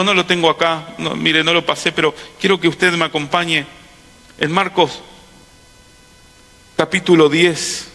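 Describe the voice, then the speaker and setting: A man with a Rioplatense Spanish accent preaching a sermon as pastor, swinging between hushed lines and loud impassioned bursts. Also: sits high. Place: large auditorium. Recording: long hall reverb.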